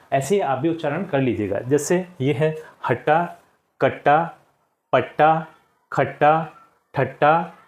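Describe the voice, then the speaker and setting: A man's voice: a little high, a little mellow. Patient male teacher explaining a lesson. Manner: patient, repeats answers and checks with "ठीक". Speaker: school teacher. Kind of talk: explaining a textbook lesson to children.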